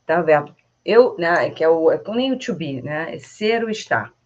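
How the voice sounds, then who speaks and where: Chatty woman teaching French, lo-fi sound. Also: deep voice. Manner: chatty and animated, repeats French phrases slowly, laughs often. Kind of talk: casual online French lesson. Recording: slightly dull lo-fi sound.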